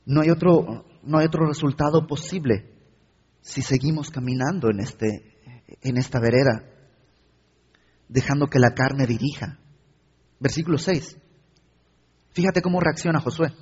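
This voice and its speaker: A man's voice: mid-range voice, a little slow, long pauses, darkish tone, husky. A male preacher giving a sermon and asking the listener direct questions. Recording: dull recording in an echoey hall.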